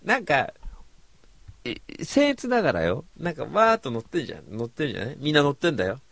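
A man's voice: a little high, very animated, fast, creaky, fairly bright tone, dry recording. A man hosting a radio show alone, chatting casually in a rambling, self-mocking way. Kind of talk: casual solo radio talk.

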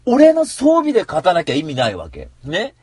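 A man telling a story in a casual solo monologue, animated and given to mock rants. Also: a little high, moderate pace, breathy edge, dry recording.

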